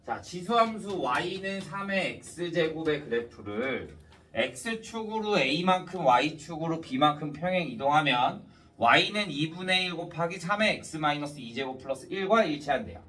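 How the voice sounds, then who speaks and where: Male math tutor, high animated pitch, slightly numb, lisping articulation after dental work, checks understanding often, a little off-mic. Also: takes it slowly, distant mic. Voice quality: slightly slurred, lisping diction, numb-mouthed after wisdom tooth extraction. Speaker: math teacher. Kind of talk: step-by-step math lesson with rhetorical questions to students.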